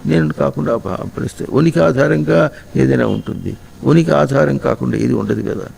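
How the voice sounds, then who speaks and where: Gravelly, mellow-voiced spiritual teacher. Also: male voice, mid-range voice, poor audio. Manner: slow, reflective, repeats and questions listeners. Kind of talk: spiritual discourse.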